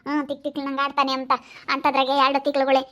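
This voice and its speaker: A woman's voice: high-pitched, monotone, fast, fairly bright tone. A woman playing a jealous village wife who scolds and threatens in a skit. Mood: scolding. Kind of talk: skit acting.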